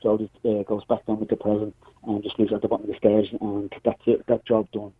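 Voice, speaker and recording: A man's voice: fairly low pitch, monotone, quick pace, slightly rough, no room sound. A man with a Dublin accent explaining things casually as a guest on a tinny phone line. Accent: Dublin Irish. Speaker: phone-in guest, community worker.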